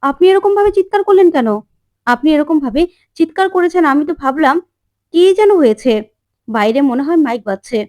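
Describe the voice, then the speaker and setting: A woman reading a bold, sharp-tongued young daughter-in-law, retorting and teasing. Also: high-pitched, animated, brisk.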